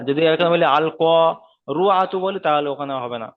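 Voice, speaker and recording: A man's voice: fairly high pitch, racing, phone-quality sound. A man teaching Quran letter pronunciation in an online class, patiently repeating letters and syllables. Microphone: video call.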